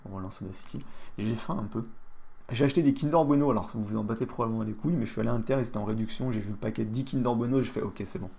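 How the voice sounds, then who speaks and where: A man's voice: fairly low pitch, racing, gravelly, dark tone, a little hiss or hum. A man streaming live, chatting crudely and joking with his chat.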